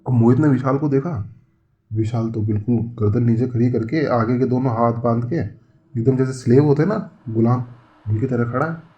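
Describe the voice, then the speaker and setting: A man's voice: mid-range voice, normal speed, mellow. A man hosting a horror podcast, casually retelling a friend's account in a conversational way. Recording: roomy, muffled recording.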